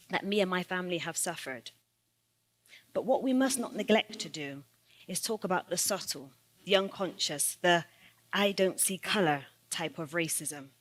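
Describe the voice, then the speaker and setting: A woman, an assistant principal, giving an earnest personal speech and building her points with a repeated rhetorical refrain. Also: on the low side. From United Kingdom.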